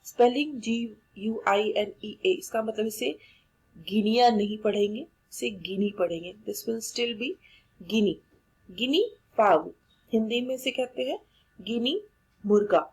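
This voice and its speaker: A woman's voice: fairly high pitch, expressive, unhurried, a little mellow, breathy edge, low-quality recording. A woman with an Indian accent teaching English vocabulary, repeating each word and spelling it out letter by letter while mixing Hindi and English. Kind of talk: vocabulary lesson.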